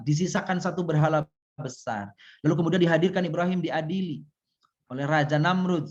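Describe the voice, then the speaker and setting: A man preaching at a religious study session, telling a story lively, acting out the dialogue and speaking straight to his audience. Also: on the high side. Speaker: Islamic preacher. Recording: dull lo-fi sound.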